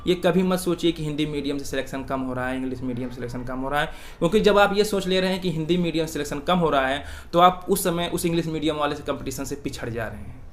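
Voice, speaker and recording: A man's voice: fairly high pitch, fast talker, few pauses. A young man answering interview questions earnestly, giving advice and calling the interviewer sir. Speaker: exam aspirant being interviewed.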